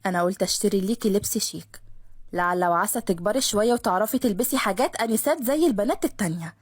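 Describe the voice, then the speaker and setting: A woman's voice: mid-range voice, very fast, husky, no echo, pitched below the performer's own voice, close to an everyday voice. A woman doing a smug Egyptian man. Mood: smug teasing. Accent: Egyptian Arabic. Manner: calm, smug, teasing. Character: man thirty, cocky teasing cousin.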